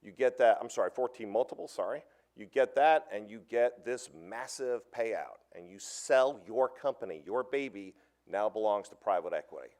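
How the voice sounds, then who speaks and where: A man's voice: lowish voice, animated, normal speed, darkish tone. A man, an orthopaedic surgeon giving a conversational, emphatic conference lecture that stresses key words by repeating them.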